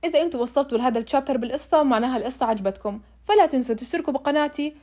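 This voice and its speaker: Fast, high-voiced young woman storyteller. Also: a little mellow. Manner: emotional, speaks straight to the listeners. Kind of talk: casual first-person storytelling.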